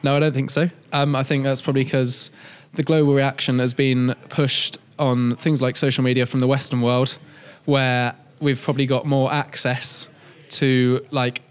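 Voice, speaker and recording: A man's voice: medium pitch, smooth. A young male student answering hesitantly, with lots of "like" and restarts. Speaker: student interviewee. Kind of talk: casual vox-pop answers.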